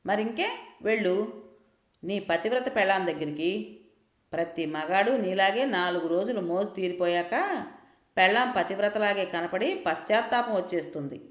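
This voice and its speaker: A woman voicing a sharp-tongued, defiant young woman who answers with cutting scolds. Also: fairly low pitch, natural voice. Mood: contemptuous. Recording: roomy echo.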